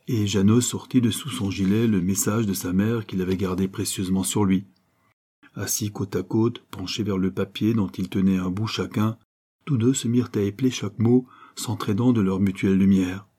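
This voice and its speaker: A man reading a novel aloud in steady scripted narration. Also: on the low side, moderate pace, slightly rough. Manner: steady storytelling read. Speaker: audiobook reader.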